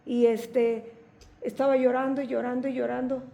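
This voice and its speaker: A woman's voice: fairly high pitch, level tone, moderate pace, gravelly, warm tone. A woman telling a personal testimony plainly, mixing in English words. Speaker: congregation member sharing testimony. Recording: echoey room with faint ambience.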